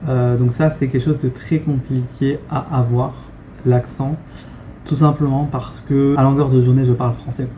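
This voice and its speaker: A young French vlogger speaks directly to camera in a casual talking-head video, relaxed and frank, with many fillers, pauses, and restarts. His medium-pitched voice is very dark and mellow, with a fairly flat melody, over a faint hum of ambient noise.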